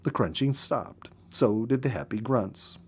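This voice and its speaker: A story is told by a man whose medium-pitched voice carries a slight roughness. He reads with practised, careful phrasing, keeping the delivery expressive, deliberate, and dramatic.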